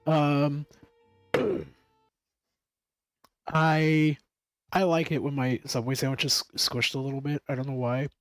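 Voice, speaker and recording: A man's voice: mid-range voice, little pitch movement, slow, pauses often, no echo, low-quality recording. A man chatting casually on a stream, rambling and swearing freely with frequent laughs. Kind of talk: casual chat.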